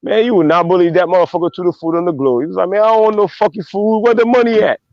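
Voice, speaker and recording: A man's voice: high-pitched, racing, dry recording. A man from Haiti hosting a casual streamed chat, telling blunt, profane stories full of fillers. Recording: dull lo-fi stream audio.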